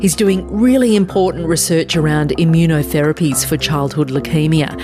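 A woman's voice: low voice, normal speed, music in the background. A woman hosting a radio science show, narrating a scripted story with dry asides.

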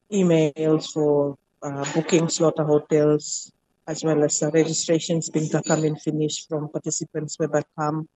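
A woman's voice: low-pitched, mellow, no room sound, low-quality recording. Female interviewee, Solomon Islands accent, Pidgin answers with frequent hesitations, dry sound. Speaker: media association president being interviewed.

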